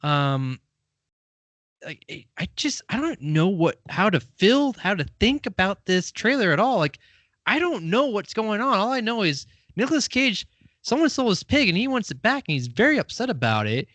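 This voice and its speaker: A man's voice: high voice, big pitch swings, moderate pace, a bit bright, dry recording. A man co-hosting a movie podcast in loose, rambling casual chat, full of fillers. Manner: rambling, lots of fillers and laughs. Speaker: podcast co-host.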